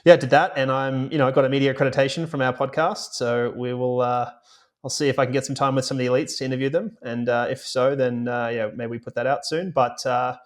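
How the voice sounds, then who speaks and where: A man's voice: medium pitch, little pitch movement, fast. A man co-hosting and producing a podcast, chatting casually and telling rambling stories with many fillers. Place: remote, recording away from home.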